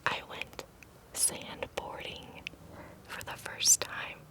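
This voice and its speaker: Slow-whispering woman doing ASMR. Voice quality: soft unvoiced whisper. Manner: very slow, drawn-out, repeats words for tingles. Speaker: ASMR performer.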